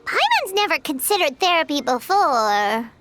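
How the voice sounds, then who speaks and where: A woman voicing a tiny, excitable, food-loving fairy girl companion in an anime video game, with a squeaky, childlike, chirpy delivery. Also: moderate pace. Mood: musing. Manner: refers to herself in third person, chirpy. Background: music.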